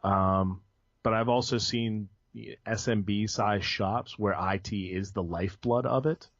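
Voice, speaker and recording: A man's voice: lowish voice, a little slow, no room sound. A young man, a guest on a podcast, talking casually about his IT work, rambling with lots of ums and restarts. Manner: rambling, frequent ums and self-corrections. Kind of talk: casual conversational interview. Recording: dull lo-fi dry podcast audio.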